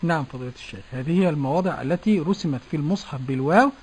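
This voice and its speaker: A man's voice: on the high side, rapid-fire, slightly rough. A man presenting a recitation lesson, asking the teacher questions and repeating words back. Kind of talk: lesson dialogue.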